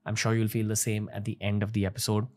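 A young man from India hosting a podcast, speaking earnestly into a studio mic and letting his lines fall soft at the ends. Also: fairly low pitch, monotone, quick pace. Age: young adult. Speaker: podcast host. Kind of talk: podcast interview and intro monologue. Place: studio set with shelves, indoors. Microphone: desk-mounted podcast mic.

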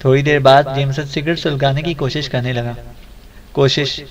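A man reading a spy adventure novel aloud at a steady, even pace. His voice sits in a middle pitch, and he narrates in a measured storytelling style. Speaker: audiobook narrator.

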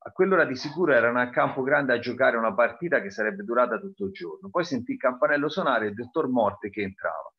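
A man reading a novel aloud in a calm, deliberate way, pausing to comment on the story. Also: mid-range voice, highs cut off. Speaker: reader presenting a novel.

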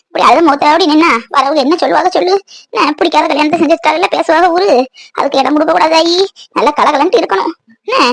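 A woman voicing a gentle old grandmother in a cartoon, coaxing and tenderly scolding her granddaughter. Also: sits high, quick pace, vocal fry, no echo. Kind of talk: cartoon voice acting.

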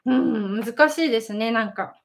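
A young woman from Japan talks casually on her home livestream with a high voice. She reads viewer comments aloud and laughs easily. She fills her talk with many little fillers. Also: moderate pace, creaky. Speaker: livestream host, idol. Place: home in Sendai.

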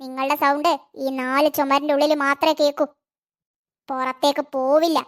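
A woman's voice: high voice, flat delivery, moderate pace, lightly acted. Woman voicing a sneering cruel cartoon stepmother. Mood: spiteful. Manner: sneering, mocking.

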